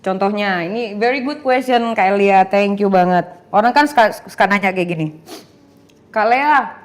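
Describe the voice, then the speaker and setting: A woman's voice: medium pitch, moderate pace. A young woman telling an emotional personal testimony in an interview, acting out the dialogue in her story and slipping in English phrases. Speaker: guest giving a testimony.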